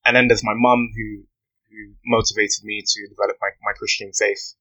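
A young man, giving an earnest, measured account as a podcast interview guest. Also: on the low side, flat delivery, sharp tone, muffled recording. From West London, UK. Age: 20s. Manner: earnest, measured storytelling with frequent "you know". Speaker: guest, aspiring barrister.

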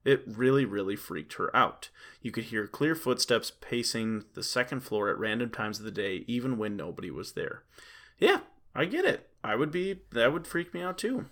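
A man's voice: mid-range voice, big pitch swings, normal speed, fairly bright tone. A man hosting a podcast, reading listener stories aloud and riffing on them in chatty, playful banter. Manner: chatty, laughs often, reads stories then riffs on them. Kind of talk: casual chat and reading aloud.

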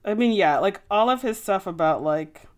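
A woman co-hosts a podcast, chatting casually about a book. Her mid-range voice has lively intonation and a moderate pace, and she speaks informally, using "like" a lot.

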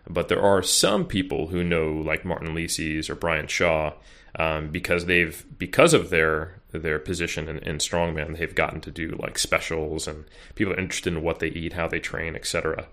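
A man's voice: very deep voice, flat delivery, normal speed, fairly bright tone. A man in his thirties, a podcast guest, talking casually and rambling with many fillers and restarts. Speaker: podcast guest, bodybuilding coach. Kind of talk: casual interview chat.

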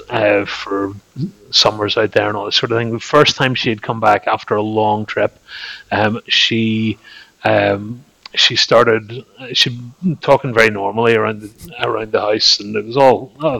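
A man with a Northern Irish accent chatting casually as a podcast host, telling anecdotes in a hesitant, halting way. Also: on the low side, flat delivery, vocal fry, sharp tone, dry recording, low-quality recording.

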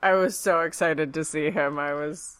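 A woman's voice: low voice, steady tone, normal speed, fairly bright tone, smooth. A woman podcast co-host in casual chat, reacting with easy laughter and amused comments.

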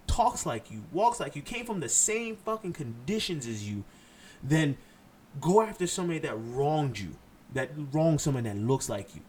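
A man's voice: medium pitch, a little mellow, a little hiss or hum. A man from Haiti hosting a solo podcast, blunt and impassioned, cursing freely as he lectures his listeners. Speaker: podcast host.

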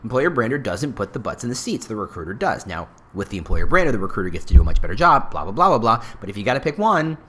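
A podcast host talks casually on his own in a fairly low, breathy-edged voice, speaking fast with few pauses. His delivery is lively but rambling, full of restarts, asides and self-interruptions.

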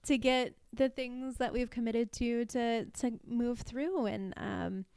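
A woman co-hosting a podcast, speaking in an upbeat, unhurried way. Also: on the high side, steady tone, gravelly, darkish tone, clear, resonant tone, dry recording, clean studio sound. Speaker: podcast co-host. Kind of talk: casual podcast chat.

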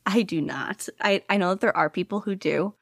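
A woman with a medium-pitched, gravelly voice talks casually as a guest in an interview about being a podfic narrator. The recording is dry and studio quality, and she rambles animatedly, teasing herself and laughing often.

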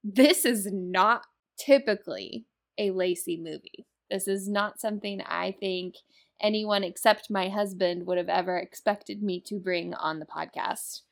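A woman with a mid-pitched voice hosts a casual film podcast. She speaks with emphasis and open enthusiasm, in a loose, chatty style. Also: vocal fry, fairly bright tone. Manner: enthusiastic, emphatic, swears freely. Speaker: podcast host.

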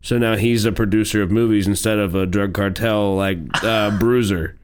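A man's voice: fairly low pitch, fairly even intonation, moderate pace, a little hiss or hum. A man co-hosting a casual podcast, rambling enthusiastically with lots of fillers. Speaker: podcast co-host.

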